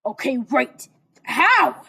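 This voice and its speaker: A woman voicing a gruff, hot-tempered young male hero who snaps and barks his lines. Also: sits high, very animated, extremely slow, bright, forceful tone, voice pushed up, exaggerated voice. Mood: irritated. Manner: barking, snappish.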